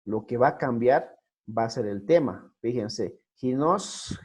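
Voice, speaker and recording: A man's voice: mid-range voice, expressive, slow, a little mellow, husky. A man teaching Bible Greek in an online class, who talks patiently, repeats his points and keeps checking that students follow. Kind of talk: recorded online class lecture.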